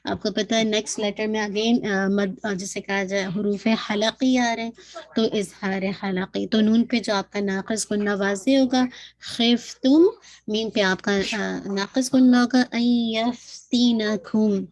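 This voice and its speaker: A woman with a Pakistani accent teaching an online Quran recitation class, patiently explaining and drawing words out slowly, syllable by syllable. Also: mid-range voice, steady tone.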